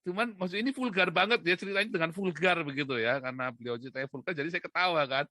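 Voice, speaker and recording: Bright-voiced mocking male commentator. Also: fairly high pitch, racing, dry recording. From Indonesia. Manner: mocking, emphatic, laughs often. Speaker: commentator host. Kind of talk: casual monologue commentary.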